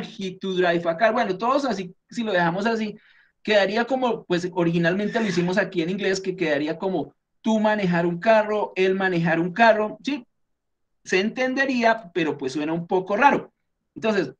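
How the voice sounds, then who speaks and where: A man's voice: high voice, highs cut off. A man with a Colombian accent teaching a class, explaining things patiently step by step and often checking in with his students. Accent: Colombian Spanish.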